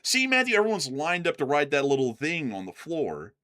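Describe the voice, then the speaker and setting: A man hosts a casual livestream in a bright, forceful voice. His pitch swings widely as he jokes and chats with lively, animated delivery. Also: a little fast. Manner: animated, jokey. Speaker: live stream host.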